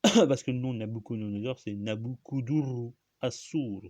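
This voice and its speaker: A man's voice: medium pitch, sing-song, quick pace, a little mellow, no room sound. A man hosting a solo talk, explaining words in a hesitant, rambling way, full of fillers, restarts and coughs. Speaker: host.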